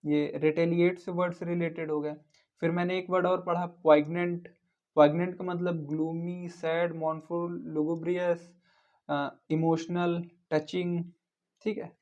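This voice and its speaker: Guy teaching vocab for exams, listing words fast with silly memory tricks, kinda high voice, muffled lo-fi sound. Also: darkish tone. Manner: brisk listing of synonyms with jokey memory tricks. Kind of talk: exam-prep vocabulary lesson.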